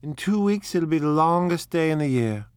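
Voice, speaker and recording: A man's voice: a little high, animated, clean tone, no room sound, voice pushed up, close to an everyday voice. Daisy is a flighty, dreamy young society wife, voiced by a male audiobook narrator. She gushes and draws her words out in a lifted, airy tone. The recording is close and dry. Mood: petulant. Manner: gushing, dreamy, drawn-out phrasing. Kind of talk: audiobook character voice.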